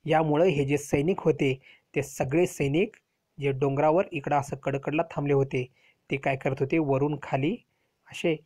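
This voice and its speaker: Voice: medium pitch, darkish tone. Teacher telling a history lesson. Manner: explains step by step with rhetorical questions.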